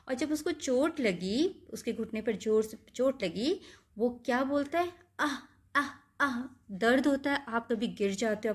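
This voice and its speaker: Slow, patient high-voiced woman teacher. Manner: slow, patient explaining with questions to the class. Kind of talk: explaining a nursery rhyme to children.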